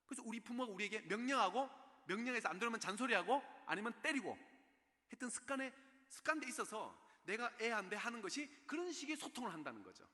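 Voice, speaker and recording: High-voiced man lecturing in echoey church. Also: big pitch swings, quick pace, bright, forceful tone. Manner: keeps checking in with the audience through rhetorical questions. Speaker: guest lecturer on parenting. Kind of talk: special lecture at a church service. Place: church in Seoul.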